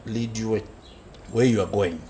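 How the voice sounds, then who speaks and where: A man with a fairly low voice tells his story as an interview guest, pausing often and repeating words as he searches for what to say. A faint hiss of background noise sits behind him. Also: fairly even intonation, warm tone. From South Africa. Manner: halting, with many fillers and repeated words. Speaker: guest, construction business founder.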